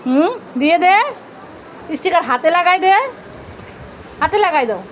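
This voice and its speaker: A woman's voice: very high-pitched, normal speed, muffled recording, slight background noise. A woman filming her children for a family vlog, teasing them and talking to viewers as friends. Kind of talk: playful family vlog talk.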